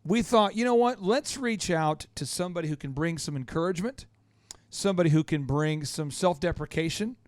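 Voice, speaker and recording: A brisk man with a voice on the high side hosts a business talk show, recorded dry in a studio with no echo. He opens energetically and interviews a guest, cracking jokes and poking fun at himself.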